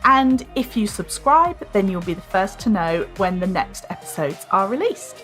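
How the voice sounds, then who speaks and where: A woman's voice: mid-range voice, sing-song, normal speed, a bit bright. Upbeat woman podcast host, faint music. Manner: upbeat, friendly, polished promotional delivery. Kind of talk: interview hosting and scripted outro.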